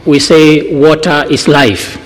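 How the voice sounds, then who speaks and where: A middle-aged man from Kenya, a guest pastor speaking in short phrases with "uh" pauses, stopping for an interpreter. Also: fairly high pitch, fairly even intonation. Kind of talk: church talk with interpreter. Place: church hall. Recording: long church hall reverb.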